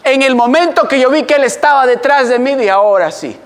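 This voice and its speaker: A man preaching a sermon as pastor, an animated storyteller calling on the congregation to respond. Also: very high-pitched, brisk, long reverb tail.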